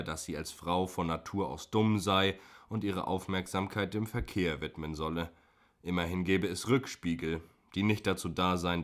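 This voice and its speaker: Deep-voiced man, wry, measured audiobook narration. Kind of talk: audiobook reading.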